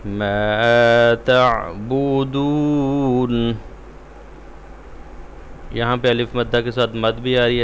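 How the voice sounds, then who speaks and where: Quran teacher guy from pakistan, quick explaining then slow drawn-out reciting, bit of hiss behind. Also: lowish voice.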